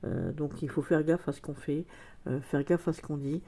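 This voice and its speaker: This vlogger's low, husky voice is very animated, warm, and touched with vocal fry, moving at normal speed. She chats casually, hesitant and filler-heavy, her nose blocked by a cold.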